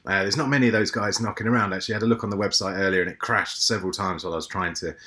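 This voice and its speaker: A man's voice: low voice, steady tone, very fast, sharp tone. A British man co-hosting a podcast and running through the news segment with enthusiasm and wry asides. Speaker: podcast co-host reading the news.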